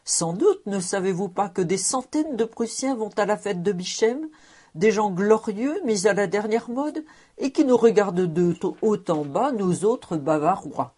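A woman's voice: mid-range voice, animated, measured pace, warm tone, breathy edge, pitched above the performer's own voice. Woman reading as a stout pompous tax collector. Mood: indignant.

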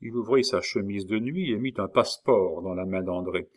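A man narrating a classic novel as an audiobook in a measured, expressive storytelling manner. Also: on the low side.

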